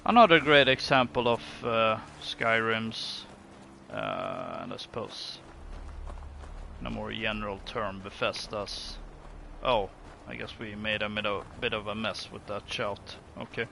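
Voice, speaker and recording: A man's voice: on the low side, expressive, a little slow, creaky, bright, forceful tone, slight background noise. A man giving casual let's play commentary, musing and thinking aloud in a hesitant way. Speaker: gaming video host. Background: game music.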